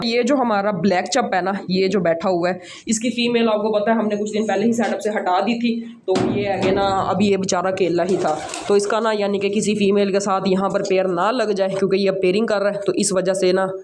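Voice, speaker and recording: This Pakistani bird breeder, with a high, darkish voice and a Pakistani Urdu accent, gives a chatty walk-through vlog of his rooftop bird setup outdoors with the camera held in one hand. Faint hiss sits in the background; he's breathless from the stairs, repeats filler phrases, and handles the birds while speaking.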